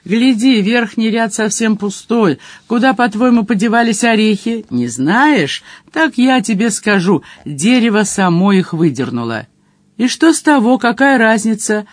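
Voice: medium pitch, animated, measured pace, no room sound. A reader voicing a brash, streetwise male otter rogue who teases his companions with slangy banter in an audiobook. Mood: boastful. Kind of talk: audiobook character voice.

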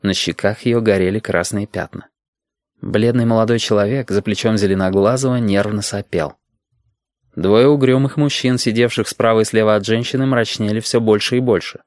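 A man's voice: lowish voice, fairly even intonation, normal speed, a little mellow, dry recording. Man narrating an audiobook, dry sound.

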